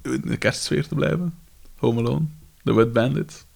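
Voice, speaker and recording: A Flemish man in casual chat, recapping a story calmly and agreeing with his friends. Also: medium pitch, moderate pace, gravelly.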